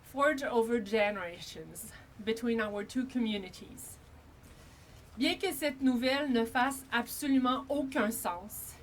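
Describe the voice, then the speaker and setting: Québécois politician lady reading a prepared speech, bit high, faint hiss behind. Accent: Québécois French. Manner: reads steadily, switching between French and English. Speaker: outgoing local politician. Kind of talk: formal prepared statement.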